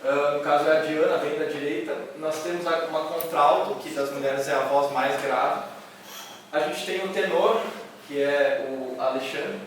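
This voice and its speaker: A man explaining music to students in a loud, nearly shouting voice, full of fillers and restarts. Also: on the high side, steady tone, normal speed, a little hiss or hum. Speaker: music workshop instructor. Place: large echoey hall. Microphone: camera from a distance. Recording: echoey hall recorded from far off.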